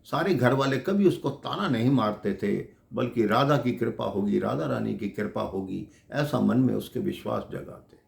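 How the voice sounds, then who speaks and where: A man's voice: mid-range voice, expressive, moderate pace, gravelly, hardly any pauses. A man telling a devotional story, addressing listeners affectionately as brothers and sisters. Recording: echoey room.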